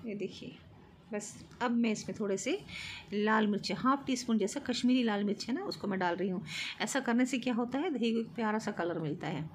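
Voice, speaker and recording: A woman's voice: a little high, fairly quick, a little hiss or hum. A middle-aged woman vlogging in her home kitchen, casually explaining each cooking step with light laughs.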